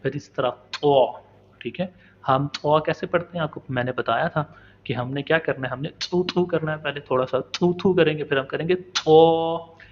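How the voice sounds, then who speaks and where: A man teaching the pronunciation of Arabic letters in a patient, step-by-step lesson, slowly demonstrating and repeating each sound. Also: fairly high pitch, muffled recording. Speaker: Quran recitation teacher.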